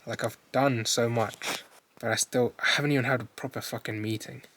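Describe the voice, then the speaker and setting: A young man recording a candid video diary, rambling and hesitant, swearing casually, sounding low and dejected. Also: fairly even intonation, a little fast, fairly bright tone, slight background noise. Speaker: vlogger.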